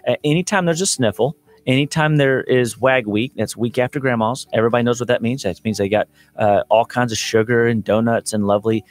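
A man's voice: mid-range voice, steady tone, fairly quick, hardly any pauses, no room sound. A man in his thirties, a doctor guest on a radio show, explaining remedies in a chatty, laughing way. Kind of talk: casual radio chat.

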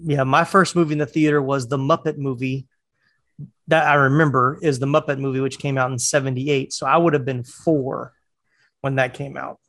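A man's voice: medium pitch, level tone, normal speed, a bit bright, dry recording, clean studio sound. A man in his forties from North Carolina, chatty in casual podcast talk, who laughs easily. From North Carolina, USA. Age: 40s.

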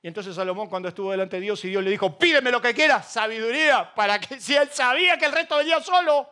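A man with an Argentine accent preaching a sermon as pastor, swinging between loud passion and hushed quiet. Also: very high voice, lively intonation, fast, clear, resonant tone. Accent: Argentine Spanish.

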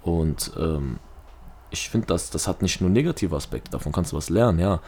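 A man's voice: sits low, expressive, moderate pace, background noise. A young man chatting casually in a slangy, rambling way, arguing his point with everyday examples. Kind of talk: casual chat.

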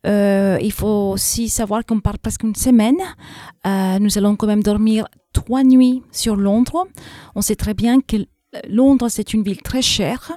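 Mellow woman with an American accent. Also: medium pitch, fairly even intonation, no echo, clean studio sound. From Texas, USA. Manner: hesitant, many filler pauses. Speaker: English teacher. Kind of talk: radio interview answers. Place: school.

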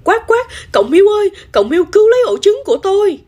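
A woman's voice: sits high, lively intonation, normal speed, pitched above the performer's own voice. A woman voicing a frantic mother hen who clucks and squawks, in a children's storybook reading. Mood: panicked.

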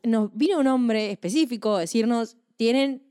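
A woman's voice: medium pitch, big pitch swings, brisk, a little mellow, dry recording, clean studio sound. A woman with an Argentine accent chatting casually, agreeing often and filling in details. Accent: Argentine Spanish. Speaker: event photographer. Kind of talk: casual chat.

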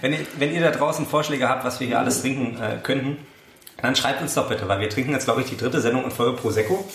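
A young man co-hosts a late-night chat show from a friend's flat, and his voice echoes in the roomy space. He rambles with dry, deadpan irony and often restarts his sentences, at an ordinary middle pitch. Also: fast talker, a little hiss or hum. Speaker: podcast co-host. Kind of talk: casual chat. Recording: roomy room sound.

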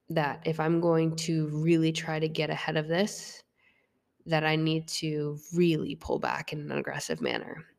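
Low-voiced frank woman, echoing room. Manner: frank and confessional, swears freely, restarts often. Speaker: fitness coach. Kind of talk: candid personal monologue.

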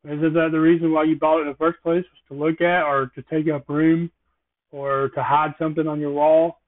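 This podcast host talks at a moderate pace in a somewhat high voice, his delivery flat as he wanders through lighthearted, observational musings on his casual solo show. It sounds tinny, almost like a phone line.

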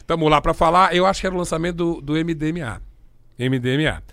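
Middle-aged Brazilian man, journalist, animated storyteller, high voice, dry close sound. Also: quick pace, no room sound. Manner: animated, laughs often, acts out quoted voices. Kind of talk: anecdotal storytelling in a conversation.

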